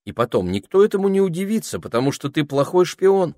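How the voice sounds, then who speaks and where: A man doing a sharp, firm young girl. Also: fairly high pitch, very animated, quick pace, no echo, clean studio sound, pitched above the performer's own voice. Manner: firm, reproachful.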